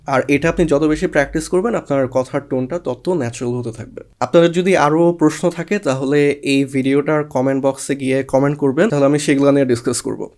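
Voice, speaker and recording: Young guy explaining english speaking tips, voice a bit on the high side, drops english words in. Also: darkish tone. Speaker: IELTS coach. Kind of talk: explaining a viewer question to camera.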